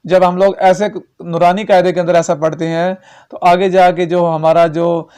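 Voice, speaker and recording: A high-pitched man with a Pakistani Urdu accent teaches Quran reading in a recorded lesson. His voice is smooth and clear, and he stretches single syllables slowly in drills before switching to brisk explanations. He keeps asking the learner whether they follow. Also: little pitch movement, darkish tone. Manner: drawn-out syllable drills alternating with quick explanations; checks in with repeated questions to the learner.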